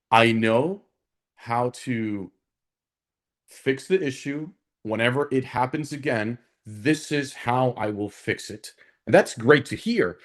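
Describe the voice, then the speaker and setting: A man from Honduras, speaking as an alumnus guest on a panel in an earnest, conversational way that often checks in with the listener. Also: mid-range voice. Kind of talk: conversational career talk on a panel.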